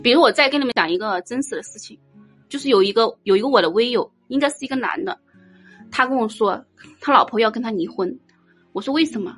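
A woman giving an informal dharma talk as a Buddhist teacher, blunt and teasing, telling lively stories. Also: on the high side, fast talker, slightly rough, faint music behind. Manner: blunt, teasing, animated storytelling.

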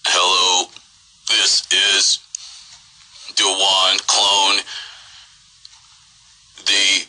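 A man's voice: low-pitched, completely flat delivery, extremely slow, long pauses, pushed and bright, heavily acted, rough recording. A man putting on a gloating rebel leader. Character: menacing male rebel leader announcing a revolution.

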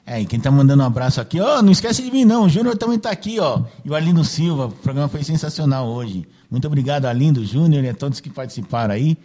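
Very animated and quick, a male radio host rattles on with few pauses in a dark, medium-pitched voice. The chat is casual and filler-heavy, with "né" attached to nearly every phrase as he looks for agreement.

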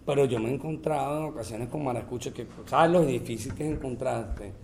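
Animated Venezuelan man, echoey room. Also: medium pitch, fairly quick. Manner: animated storytelling, mimics regional accents, laughs often. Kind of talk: casual chat. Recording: echoey room with faint noise.

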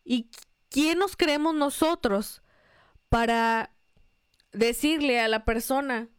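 A woman speaks in an earnest, preacherly manner on a faith podcast. Her voice is smooth and clear, and it sits a little high for a woman. The recording is dry and close to the mic. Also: takes it slowly, no echo. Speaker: podcast co-host.

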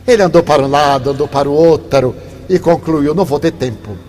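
Older lecturer in a reverberant hall. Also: male voice, on the high side, a little fast. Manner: warm storytelling, shifts from hushed to animated. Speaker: spiritist lecturer. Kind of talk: inspirational lecture with storytelling. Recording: long hall reverb, faint background noise.

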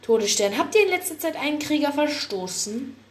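A woman's voice: high-pitched, lively intonation, a little fast, pitched above the performer's own voice. A woman voicing a suspicious, insistent male warrior cat clan leader in a spoken story.

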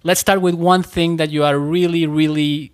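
A man with a fairly high voice hosts a casual podcast conversation. He is friendly and easygoing, phrases things loosely, and laughs along with his guest. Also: level tone, normal speed. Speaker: podcast host.

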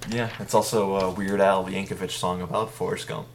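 Brief: male podcast co-host, low voice, playful casual chat. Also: little pitch movement, fairly quick, vocal fry. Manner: jokey, laughs often.

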